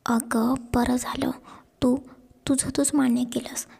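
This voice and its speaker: A playful young husband teases his wife in a soft, half-whispered voice, as a woman reads him aloud. The voice sits high and sounds husky and a little gravelly. A long reverb trails behind every line. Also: flat delivery, measured pace, exaggerated voice. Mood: teasing. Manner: teasing.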